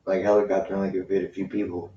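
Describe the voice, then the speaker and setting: A man's voice: low-pitched, level tone, racing, mellow. A young man co-hosting a podcast in easygoing, slang-heavy chat. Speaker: podcast co-host. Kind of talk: casual chat. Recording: roomy, distant, dull lo-fi mic with faint hiss.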